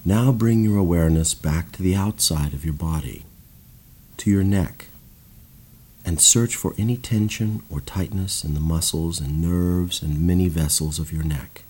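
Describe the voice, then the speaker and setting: A man guiding a slow, calm breathing and body relaxation exercise in a soothing voice. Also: deep voice, slightly rough. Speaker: meditation guide. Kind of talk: guided relaxation narration.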